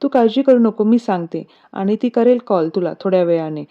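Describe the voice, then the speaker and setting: A woman voicing a calm, caring middle-aged mother who talks in a soothing, motherly way, on a dull lo-fi recording. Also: mid-range voice, a little fast, close to an everyday voice.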